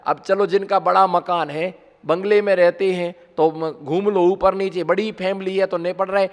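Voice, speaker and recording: A man's voice: high voice, steady tone, normal speed. A man, a Jain monk, giving a conversational sermon full of rhetorical questions to his listeners. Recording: long hall reverb.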